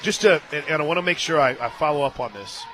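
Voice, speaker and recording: An American man on the radio calls a live game from a stadium booth, his voice on the high side and fast over a noisy background. He does play-by-play with emphatic delivery and drops in conversational, folksy asides along the way.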